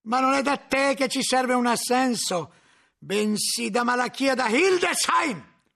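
A man voicing a stern, coldly paternal inquisitor who speaks slowly and solemnly. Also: very high voice, lively intonation, gravelly, bright, forceful tone, voice pushed up, full character voice. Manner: slow, measured, solemn.

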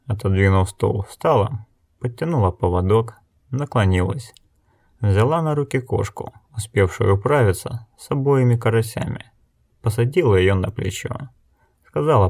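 Brief: male narrator, low voice, steady measured storytelling. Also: vocal fry. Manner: even, measured reading. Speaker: audiobook narrator. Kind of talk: scripted narration.

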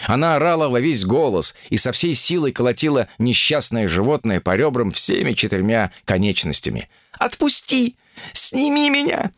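A man narrating an audiobook in an even, steady storytelling manner. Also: medium pitch, brisk, hardly any pauses, no room sound, clean studio sound. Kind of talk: scripted narration.

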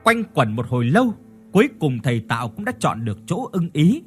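Man, ghost story narration, husky voice, lively pitch, measured storytelling, faint music.

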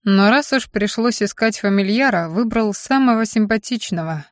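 A woman's voice: medium pitch, normal speed, no room sound, studio quality, natural voice. A woman reading an audiobook and voicing a fanatical, self-satisfied male mage who rants about gaining power. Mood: fanatical boasting. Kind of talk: audiobook character voice.

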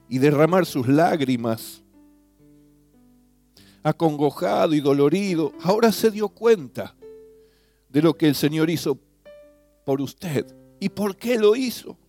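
A man leading a guided devotional meditation, earnestly addressing the listener with questions, his voice swelling on key phrases and falling soft at line ends. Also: a little high. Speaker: preacher. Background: soft guitar music.

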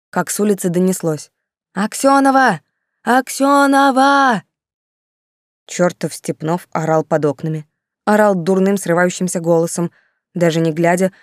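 A woman reading a novel aloud as narrator, telling the story with lively wry asides. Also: on the low side, no echo, clean studio sound. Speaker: audiobook narrator. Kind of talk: scripted narration.

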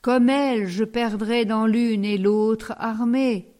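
A woman's voice: a little high, steady tone, slow pace, dark tone. A woman voicing a pompous, pedantic elderly man who weighs every word, in a read storybook. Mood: fussy. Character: fussy pompous elderly male parishioner.

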